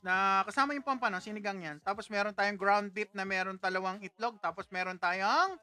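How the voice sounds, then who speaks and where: A man's voice: high-pitched, a little fast, sharp tone. A man hosting a casual livestream, chatting with viewers in a playful, teasing way and laughing often. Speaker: livestream host.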